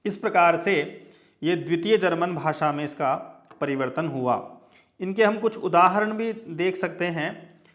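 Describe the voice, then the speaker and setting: A man teaching a class in a lecture style, with a light, high-pitched voice. He talks slowly and deliberately. He spells out example words letter by letter and keeps adding checking asides. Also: a bit bright.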